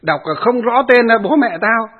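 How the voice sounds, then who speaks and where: A man voicing an angry grown son who hurls insults and shouted accusations. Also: extremely high pitch, animated, moderate pace, slightly rough, pitched above the performer's own voice, full character voice. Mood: furious. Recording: tinny phone-like audio.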